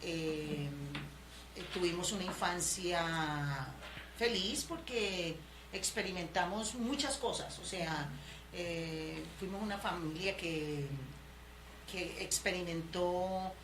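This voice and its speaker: A woman in her fifties from Cali, Colombia, speaks slowly in a lowish voice with a Cali Colombian Spanish accent. As an interview guest, she tells her life story in a relaxed, personal way, full of fillers and restarts, against noisy background ambience.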